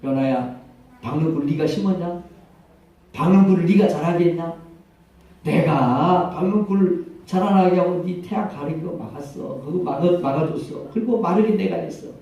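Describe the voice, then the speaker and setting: Brief: a male pastor as a gentle, reasoning divine father, dark-toned, in a reverberant church from a distance. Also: on the high side, normal speed, voice pushed down, natural voice. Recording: echoey church hall from far off.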